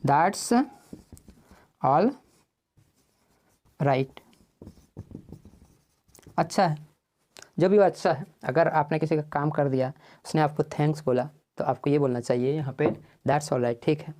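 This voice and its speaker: A man giving a spoken English lesson. He asks the class questions, answers them himself and says English phrases slowly, word by word. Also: on the high side, steady tone, mellow.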